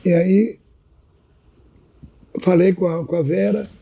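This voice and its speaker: An elderly man in his 80s from Minas Gerais, Brazil, appears as a podcast guest, telling old stories in an animated, anecdotal way and often calling the host by name. His voice is high, slow, gravelly and husky, and the audio sounds dull. It's a casual storytelling chat.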